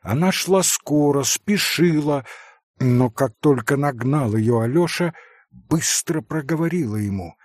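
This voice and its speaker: Male narrator, husky, slow and dramatic, dry close sound. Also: a little high, no room sound. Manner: dramatic, unhurried reading. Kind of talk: audiobook narration.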